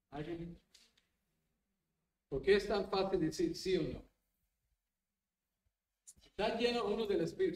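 A man's voice: high voice, roomy sound, far from the mic, rough recording. A man leading a Bible study as pastor, talking animatedly and dropping English tag words into his teaching. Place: church.

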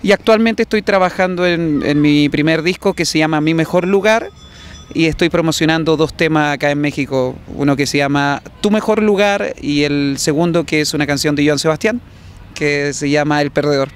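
A young adult singer from southern Chile, with a Chilean accent, answers casually in a promotional interview in an open public plaza, speaking into a handheld reporter mic held by the interviewer. His voice is a little high and smooth, at normal speed.

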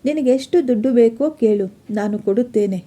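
A woman's voice: a little high, a little fast, warm tone, natural voice. A woman voicing an arrogant rich young man who taunts and blackmails, smug and mocking. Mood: taunting.

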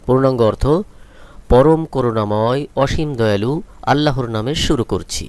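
A man's voice: mid-range voice, normal speed, a little mellow, clean tone, no echo. A man teaching Quran reading, spelling out letters and vowel marks one at a time and then drawing out each chanted word. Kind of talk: slow spelling-out lesson with translation.

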